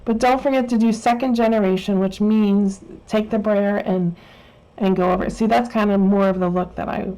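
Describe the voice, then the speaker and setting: A woman walks through a Bible journaling craft lesson in an easy, chatty way, often trailing off and restarting. Her voice sits at a middling pitch with a soft, mellow tone. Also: fairly even intonation, normal speed, low-quality recording. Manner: chatty, rambling, self-correcting with frequent fillers. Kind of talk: casual craft tutorial.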